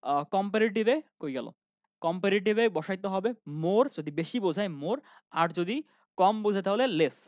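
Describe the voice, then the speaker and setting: A man's voice: high voice, expressive, unhurried, a little mellow, no echo, lo-fi sound. A man teaching an online grammar lesson, often asking questions and answering them himself, with many fillers.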